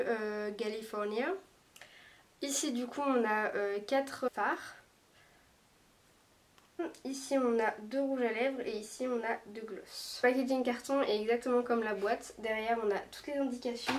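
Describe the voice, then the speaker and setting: A woman reviewing makeup in a casual, chatty way, hesitating often as she talks. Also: a little high. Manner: chatty, hesitant, lots of small pauses. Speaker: beauty vlogger. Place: room lit by daylight. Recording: voice a bit far from the mic.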